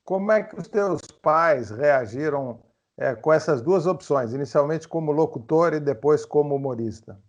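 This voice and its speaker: A male interviewer asks leading questions, often tagging on a teasing aside. His voice sits a touch high for a man and comes through muffled, with lo-fi audio that lacks sparkle. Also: animated, normal speed. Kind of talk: casual interview chat. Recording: dull lo-fi audio.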